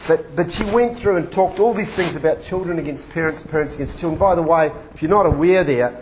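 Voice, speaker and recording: A man preaching in a lecture-like way, halting and discursive, often correcting himself as he goes. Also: a little high, a little mellow. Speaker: preacher giving a teaching. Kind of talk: sermon-like lecture with quotations read out. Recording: clearly noisy recording with clicks.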